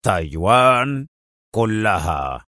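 A man's voice: lowish voice, no echo, clean studio sound, close to an everyday voice. A man doing a seething villain general. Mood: furious. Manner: slow, seething, drawn-out words. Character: furious villainous male general, bitter.

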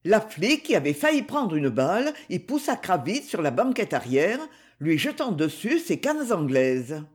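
An audiobook reader narrating a novel with steady, expressive reading. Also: medium pitch, unhurried.

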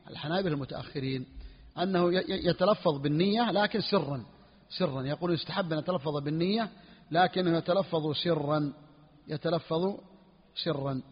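Sheikh lecturing on jurisprudence: quick, husky male voice, repeats himself, dull recording in a reverberant hall. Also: on the high side. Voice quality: husky, clears throat often. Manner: repeats phrases, asks students "clear or not?". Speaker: sheikh teaching Hanbali jurisprudence. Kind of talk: classroom lesson explaining a fiqh text.

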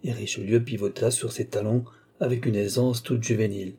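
A man narrating a classic novel in a measured, even storytelling manner. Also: fairly low pitch, breathy edge. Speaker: audiobook narrator. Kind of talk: scripted narration.

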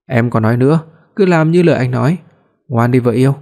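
Picture a man reading a young husband who dotes on his wife and gets his own way. He speaks firmly in a mellow, warm tone. This is a spoken family story. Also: mid-range voice, fast talker, close to an everyday voice. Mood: insistent. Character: young husband, possessive and doting.

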